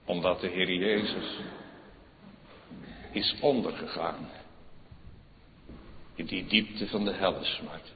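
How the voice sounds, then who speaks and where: Fervent slow-preaching man in a church. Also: deep voice, big-room sound, phone-quality sound, slight background noise. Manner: fervent preaching, swinging from hushed to loud. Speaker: pastor. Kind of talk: sermon.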